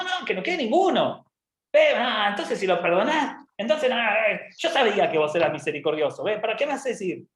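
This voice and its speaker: A man putting on a whining self-righteous Jonah. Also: roomy sound. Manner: indignant, whining, high and loud.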